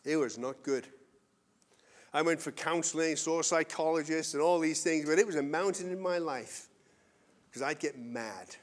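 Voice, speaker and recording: Male pastor, high-pitched, earnest conversational sermon, big swings in volume. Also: moderate pace. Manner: earnest, conversational preaching with wide swings in loudness.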